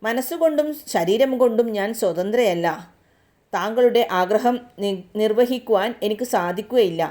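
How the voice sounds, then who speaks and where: A woman reading the part of a gentle young divine princess, who speaks in a polite, humble way. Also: medium pitch, moderate pace, natural voice.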